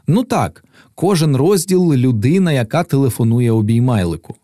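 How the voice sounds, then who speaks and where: A man's voice: medium pitch, sing-song, normal speed, mellow, dry recording, clean studio sound, voice pushed up, lightly acted. A man reading a tender, dreamy young poet. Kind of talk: audiobook dialogue reading.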